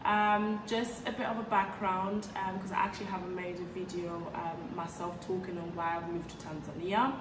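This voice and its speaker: A young woman from Ghana talks through a casual advice vlog, chatty and loose, with many "um" fillers. She sits back from the camera's mic, so her voice sounds distant in a roomy, echoing space. A steady hiss runs behind her. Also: on the low side, normal speed, hardly any pauses. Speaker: vlogger. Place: bright living room, on a sofa by a large window. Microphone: fixed camera at a distance.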